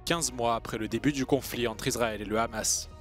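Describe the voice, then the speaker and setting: A man's voice: medium pitch, music in the background. Man reading the evening news. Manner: measured, even newsreader delivery. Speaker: news anchor.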